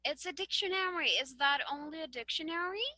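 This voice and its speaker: A woman teacher with a Filipino English accent leads a classroom demonstration lesson, checking in with students as she goes. Her voice sits high and sounds bright and crisp. The recording is dry and close, with no room echo. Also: a little fast. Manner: patient, guiding questions with frequent okay and right.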